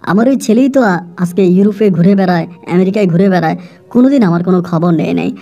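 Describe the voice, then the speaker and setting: A woman speaking as a poor, loving older mother, gentle and pleading. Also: lowish voice, fast talker, muffled recording, natural voice. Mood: tender.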